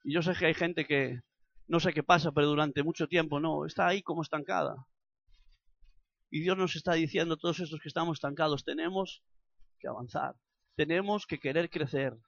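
A man with an accent from Spain delivers a sermon in a high, bright, tense voice. He swells from quiet teaching into loud, fervent passages where he acts out prayers. The sound is dry and slightly muffled, with little bandwidth. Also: steady tone, brisk, gravelly, no echo. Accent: Spanish from Spain. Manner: builds to loud impassioned preaching, with acted prayers. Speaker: preacher.

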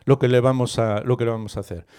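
A man with a Spanish accent playing a strict, scheming father in a sermon story, with a gruff, scolding manner. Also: mid-range voice, fairly even intonation, fast talker, mellow, lightly acted.

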